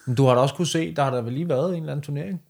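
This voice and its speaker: A man's voice: fairly high pitch, vocal fry, over a noisy crowd. A man chatting casually on a podcast in short, colloquial remarks. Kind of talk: casual chat.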